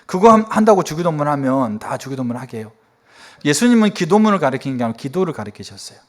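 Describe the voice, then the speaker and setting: A middle-aged male pastor preaching a sermon in a church, telling stories and acting out quoted dialogue with sudden jumps in his voice. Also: fast. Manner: animated storytelling, acting out quoted dialogue with sharp pitch jumps. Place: church sanctuary.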